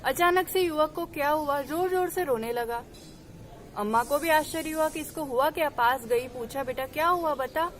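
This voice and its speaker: A Jain nun giving a devotional sermon, earnest and exhorting, mixing a parable with teaching. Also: female voice, sits high, moderate pace. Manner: earnest, exhorting, rising to emphatic calls.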